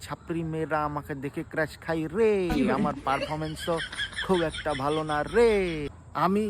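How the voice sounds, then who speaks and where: A man's voice: on the high side, moderate pace, noisy background. A synthetic male AI voice doing a social media text-to-speech comedy voiceover, with boastful, sing-song line endings.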